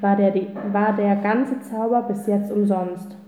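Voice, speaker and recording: A woman's voice: medium pitch, steady tone, measured pace, warm tone, slight background noise, lightly acted. A woman reading a storybook and voicing a brash, argumentative city boy. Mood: arguing. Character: cheeky boy from the city streets. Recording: roomy, tinny phone-like sound.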